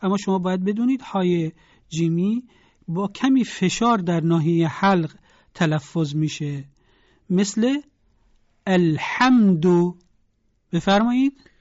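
Slow deliberate teacher drilling letter sounds, dull lo-fi broadcast audio, dry. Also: medium pitch, lively intonation, a little mellow, dry recording. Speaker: Quran pronunciation teacher. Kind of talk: broadcast pronunciation lesson.

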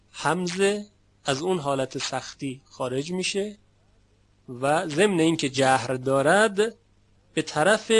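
A man with a fairly high voice lecturing on Quran recitation. He explains each point patiently and stretches out sample words when he demonstrates them. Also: fairly bright tone. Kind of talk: classroom lecture.

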